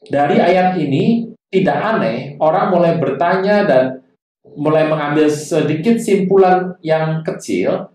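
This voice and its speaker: Male preacher, Bible teaching, talks straight to the congregation, booming hall echo. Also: darkish tone. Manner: addresses listeners directly, reads scripture aloud. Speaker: pastor. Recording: echoey distant church hall sound.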